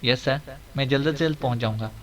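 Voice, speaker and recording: A man's voice: medium pitch, a crowd in the background, lightly acted. A man voicing an eager, apologetic male assistant answering a phone call, recorded on a distant mic. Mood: dutiful. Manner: apologetic, dutiful.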